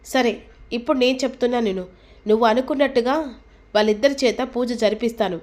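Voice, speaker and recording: A woman's voice: on the high side, fast, darkish tone, lightly acted. A woman reading the lines of a commanding elder woman of the household, speaking firmly and with authority. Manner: firm, authoritative.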